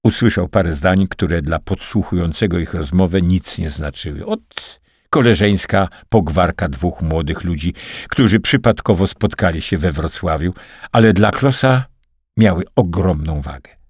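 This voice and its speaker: A man narrating a wartime spy novel as an audiobook in a steady, dramatic reading. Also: low-pitched, normal speed, slightly rough, no echo, studio quality. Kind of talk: scripted narration.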